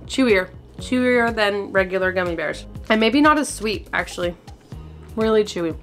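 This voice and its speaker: A woman talks through a mouthful of candy, chewing as she reviews it in a relaxed, chatty vlog. Her voice sits at an ordinary middle pitch. Faint music plays underneath. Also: normal speed. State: chewing while talking. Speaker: vlogger. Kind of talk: casual taste-test vlog.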